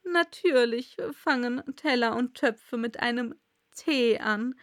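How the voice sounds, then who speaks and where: A woman's voice: fairly high pitch, slow pace, dry recording, clean studio sound. A woman voicing an irritable male king who speaks angrily and threatens. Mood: angry. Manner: angry, threatening.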